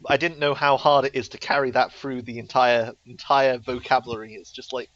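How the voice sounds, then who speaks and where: A man's voice: medium pitch, level tone, fairly quick, a bit bright. A man narrating a tabletop game as game master, rambling and self-deprecating with many fillers, on a slightly muffled recording.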